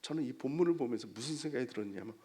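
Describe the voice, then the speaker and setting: A man preaching an evening church sermon. He swings between loud, emphatic declarations and hushed near-whispers, and he asks the congregation questions before answering them himself. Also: mid-range voice, animated, very fast. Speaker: guest preacher, professor.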